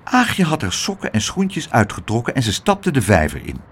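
A man reading a children's story aloud in a lively, expressive way. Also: mid-range voice, moderate pace, a little hiss or hum. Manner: animated, expressive.

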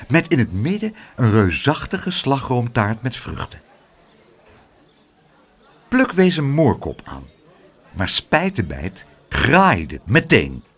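A man reading a children's story aloud with expressive, dramatic storytelling. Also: mid-range voice. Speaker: narrator.

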